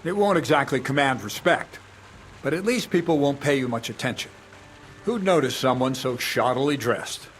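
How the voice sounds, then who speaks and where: An actor playing a blunt, coarse medieval thief who lectures on stealing, in a video game. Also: male voice, medium pitch, lively intonation, moderate pace, a bit bright, a little hiss or hum, natural voice. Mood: lecturing. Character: gruff older male medieval thief, blunt and crude.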